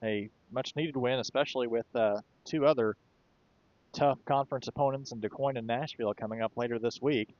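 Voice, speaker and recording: A man's voice: mid-range voice, a little fast, no room sound. Guy calling a baseball game, easygoing, kinda dull lo-fi dry sound. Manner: relaxed, conversational, occasional fillers. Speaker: play-by-play announcer. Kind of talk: baseball play-by-play commentary.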